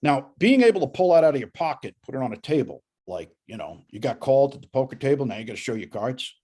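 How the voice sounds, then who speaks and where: A middle-aged man with a husky voice, coaching a student one-on-one on sales calls in a folksy, animated way. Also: medium pitch, quick pace. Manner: animated, folksy, uses analogies.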